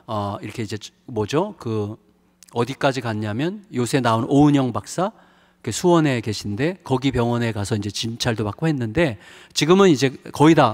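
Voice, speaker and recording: A middle-aged man preaching a revival sermon, telling a personal story in a frank, emotional way with frequent hesitations. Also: medium pitch. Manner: confessional, emotional storytelling with many fillers. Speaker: pastor. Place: church sanctuary. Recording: reverberant church hall.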